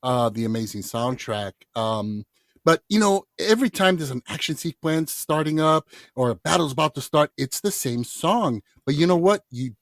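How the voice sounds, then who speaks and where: A man's voice: fairly high pitch, expressive, normal speed, no echo, studio quality. A man hosting a film podcast, chatting with enthusiasm and plenty of fillers and restarts. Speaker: podcast host. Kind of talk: casual chat.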